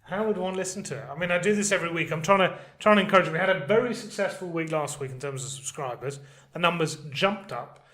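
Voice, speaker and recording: A man's voice: fairly high pitch, quick pace, bright, forceful tone. A man with a Scouse accent co-hosting a podcast, upbeat and jokey as he chats with his colleague. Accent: Liverpool Scouse. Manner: upbeat, jokey, plugs the show. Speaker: podcast co-host. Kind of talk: casual podcast chat.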